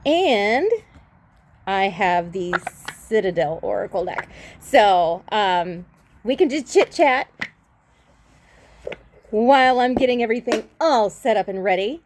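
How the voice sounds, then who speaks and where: A woman's voice: mid-range voice, animated, takes it slowly, long pauses, a little mellow, a little hiss or hum. A woman giving a tarot reading in a casual, chatty livestream, affectionate and rambling as she sets up, speaking into a phone. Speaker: tarot reader.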